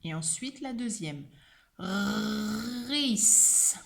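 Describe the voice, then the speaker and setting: Very slow, patient woman teacher. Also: medium pitch, expressive. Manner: slow, patient, spelling out each sound. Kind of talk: slow word dictation for a young child.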